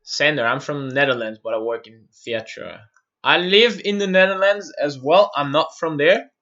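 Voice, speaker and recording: A man from Austria, muttering to himself while he works through a software build on a live-stream tutorial and answering viewers' questions. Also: on the high side, normal speed, highs cut off.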